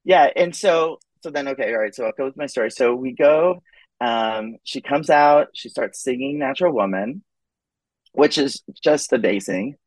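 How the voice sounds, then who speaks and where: A man telling his own story as a podcast guest in a casual, animated way, acting out quoted voices and often saying "like" and "um". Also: medium pitch, normal speed, no echo, low-quality recording.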